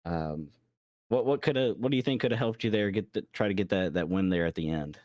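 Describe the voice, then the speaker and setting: A man's voice: sits low, a little fast, darkish tone, dry recording. A man works as a race interviewer. He talks casually and jokes in a colloquial way, in a dry, close sound.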